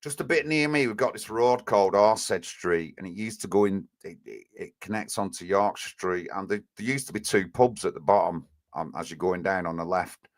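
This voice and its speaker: A man's voice: low-pitched, moderate pace, hardly any pauses. A man with an Oldham accent hosting a live stream in blunt, rambling, indignant casual chat. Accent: Oldham, Northern English. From Oldham, England.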